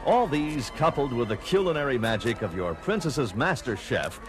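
A man's voice: medium pitch, sing-song, normal speed. A man reading polished, florid travel promotional narration in a salesmanlike way. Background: music.

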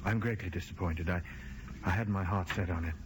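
An actor playing a suave, controlling gentleman guardian in a vintage melodrama film, speaking formally and haughtily. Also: sits low, fairly quick, natural voice. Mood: suave, persuasive. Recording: old noisy film soundtrack.

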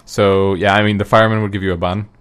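Low-voiced hesitant man. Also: level tone, fast talker, clear, resonant tone. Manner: rambling, hesitant with many ums and restarts. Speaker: guest recounting an event. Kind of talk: casual chat.

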